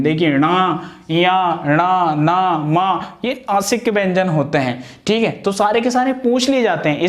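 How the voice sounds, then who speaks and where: A man teaching an exam-prep grammar lesson, asking questions and answering them himself, and pronouncing each sound aloud for practice. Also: high voice.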